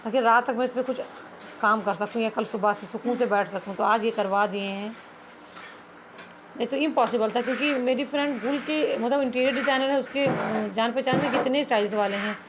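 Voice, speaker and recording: A woman's voice: on the high side, brisk, background noise. A woman vlogging from her home under renovation, ranting with indignation and laughing as she tells her story. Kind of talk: casual vlog talk.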